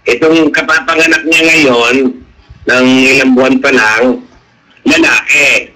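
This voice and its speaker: A middle-aged man is chatting casually as a guest on a radio show, telling anecdotes as an animated storyteller who acts out the quoted dialogue. He speaks slowly in a medium-pitched voice, and the recording quality is low.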